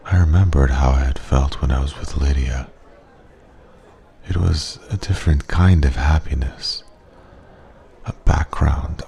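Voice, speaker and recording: A man playing a wise, regretful old man at a pub, a soft-spoken old sage giving slow, gentle advice in an ASMR ASMR role-play. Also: rumbling low, vocal fry, full character voice. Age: older.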